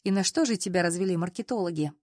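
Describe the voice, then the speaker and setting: A woman's voice: lowish voice, quick pace, no room sound, clean studio sound, lightly acted. A woman voicing a teasing young boss. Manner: teasing, then gently apologetic.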